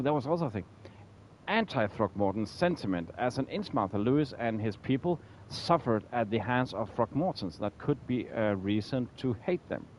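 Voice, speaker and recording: Male game streamer: lowish voice, chummy, repeats himself, casual commentary over faint game noise. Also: darkish tone, low-quality recording. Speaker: game livestreamer.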